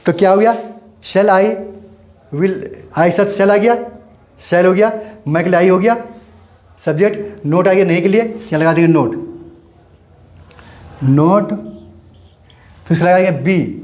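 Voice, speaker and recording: A man's voice: sits high, a little mellow. A man teaching an English grammar lesson, explaining each rule step by step and repeating key points as he writes. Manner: repetitive, explains step by step while writing. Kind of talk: Hindi-medium grammar lesson.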